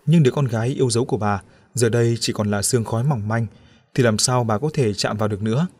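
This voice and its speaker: A man's voice: medium pitch, fast talker, darkish tone, no echo. Man narrating a story, dry voice. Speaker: audiobook narrator.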